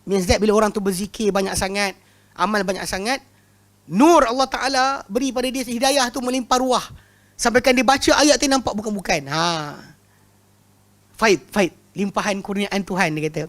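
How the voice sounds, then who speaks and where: A man with a Malaysian Malay accent teaching a religious class, telling lively anecdotes, often laughing and repeating words. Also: sits high, moderate pace. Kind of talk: lecture with humorous anecdotes.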